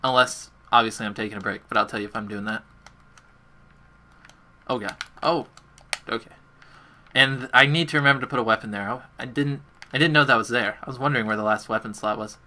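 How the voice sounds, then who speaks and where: Bright-voiced young man streaming a game. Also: medium pitch, fairly quick, long pauses. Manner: chatty, self-deprecating, talks to chat while playing. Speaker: gaming livestreamer. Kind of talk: casual live gameplay commentary. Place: bedroom at home.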